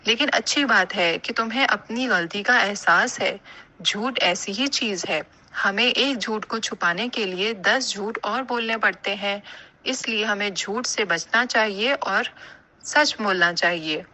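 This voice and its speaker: A woman voicing a kind, motherly female pigeon in an animated cartoon, speaking gently and giving advice. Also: mid-range voice, lightly acted, low-quality recording. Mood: caring. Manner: gentle and advising.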